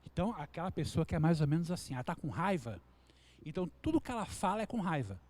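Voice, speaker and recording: Brazilian male pastor, earnest sermon delivery, mellow slightly high voice. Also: sing-song, quick pace. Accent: Brazilian Portuguese. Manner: earnest preaching, acts out quoted people in a higher voice.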